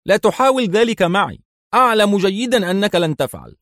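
A man voicing a terrified captured hitman who pleads in a panicked, hurried way. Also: high-pitched, big pitch swings, a bit bright, dry recording, studio quality, pitched above the performer's own voice. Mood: desperate.

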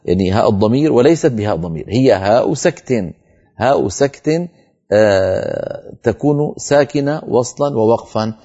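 Man teaching Quran recitation, slow chanting. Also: medium pitch, animated, dark tone, lo-fi sound. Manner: explains rules, then chants Quran verses slowly and drawn out. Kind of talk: televised tajweed lesson.

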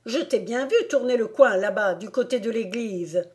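A woman voicing a gruff but kind old village woman in a storybook reading, with a scolding, exclaiming manner. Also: mid-range voice, lively intonation, measured pace, a little mellow, natural voice.

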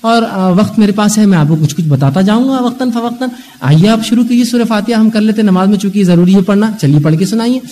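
A man giving an Islamic religious lecture, talking animatedly and acting out the voices of people he describes. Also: high-pitched. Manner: animated, acts out scolding voices.

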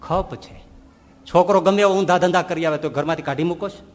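A man with a high voice delivers a sermon, throwing out rhetorical questions and acting out small scenes. His voice rings out with a long hall reverb. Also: brisk. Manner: animated, rhetorical questions, acts out quoted voices. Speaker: swami giving a religious discourse. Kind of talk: sermon storytelling.

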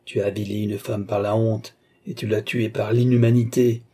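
A man reading aloud as a furious young nobleman, accusing and raging, sometimes shouting, dark husky tone, audiobook. His voice sits at an ordinary pitch but climbs sharply when he lashes out. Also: unhurried. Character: furious young male nobleman seeking revenge.

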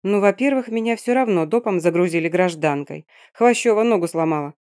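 A sharp-tongued woman lawyer, as a female reader puts her on, clipped and businesslike. Her voice sits low and dry, with a teasing edge. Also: animated, no echo, close to an everyday voice. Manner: sarcastic, brisk, businesslike. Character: sharp sarcastic woman lawyer, brisk and bossy.

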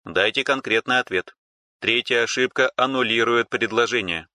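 A man's voice: mid-range voice, normal speed, sharp tone. A man voicing a female ship AI in an audiobook, dry, formal and sarcastic. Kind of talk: audiobook character reading.

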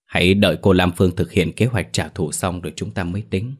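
A man voicing a loyal, calm old male servant in a spoken storybook, talking in a measured way. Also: deep voice, husky.

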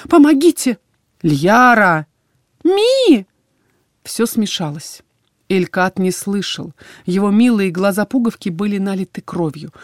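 A woman tells a first-person fantasy story with lively, dramatic storytelling. Her voice sits at a middle pitch. The recording is close and dry, with no room sound. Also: dry recording. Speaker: audiobook narrator.

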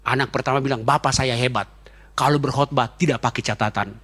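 Fast-talking joking male pastor. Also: mid-range voice, steady tone, a bit bright, husky. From Indonesia. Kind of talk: sermon.

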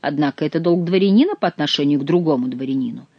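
A woman reading as a male courtier who keeps pressing with eager questions. The voice is lowish and close, with a dry sound. It is a storybook reading. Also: animated, quick pace, no echo, highs cut off. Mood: questioning.

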